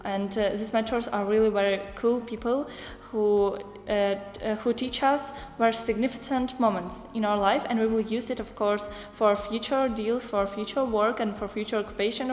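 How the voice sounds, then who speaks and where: A young woman describing a youth exchange project in halting English with many fillers. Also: a little high, fairly even intonation, a little mellow. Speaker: project participant. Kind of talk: interview answers in non-native English. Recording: echoey hall.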